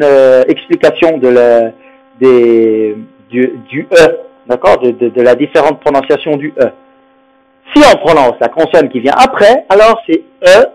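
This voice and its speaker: A man's voice: on the high side, a little mellow, rough recording. A man teaching French phonetics, who explains patiently, repeats the sounds he models and keeps checking that the listener understands. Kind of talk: explanatory lesson.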